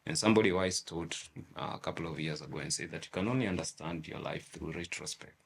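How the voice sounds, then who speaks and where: A man's voice: very deep voice, fast talker, vocal fry. A man from Nairobi with a Kenyan accent, a guest talking in a casual, reflective way and mixing in Swahili slang. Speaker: guest entrepreneur. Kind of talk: casual interview talk.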